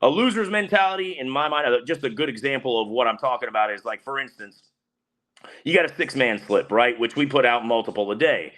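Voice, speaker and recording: A man's voice: mid-range voice, fairly quick, fairly bright tone. A man co-hosting a betting podcast in casual chat, blunt and fired up, ranting with swearing.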